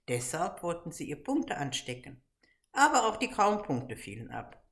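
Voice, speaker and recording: A woman reading a children's storybook aloud at a calm, even pace. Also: lowish voice, moderate pace, creaky.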